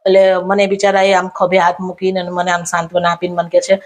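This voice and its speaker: A woman's voice: fairly low pitch, fast. A woman telling a comic story, acting out the dialogue as she goes. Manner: animated, acts out dialogue in her anecdotes. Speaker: comedian storyteller.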